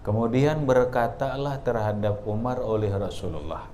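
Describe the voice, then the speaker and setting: A man's voice: mid-range voice, moderate pace, mellow, slight background noise. A man with a Banjar accent teaching a religious book class at an Islamic boarding school. He reads Arabic phrase by phrase, explains each in local dialect, and stops often to quiz his students. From South Kalimantan, Indonesia. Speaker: kiai teaching a kitab class. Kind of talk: traditional religious book lesson.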